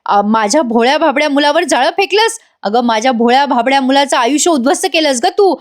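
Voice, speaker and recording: A woman puts on a stern family patriarch in a serial's review. He accuses the woman before him in a high, indignant voice. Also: expressive, quick pace.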